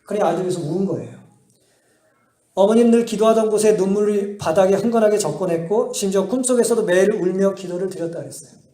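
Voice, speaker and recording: A man's voice: high voice, quick pace, mellow. A male pastor preaching a sermon in a church, asking the congregation rhetorical questions and answering them, telling his stories with emphasis. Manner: emphatic storytelling. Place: church sanctuary. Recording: echoey church hall.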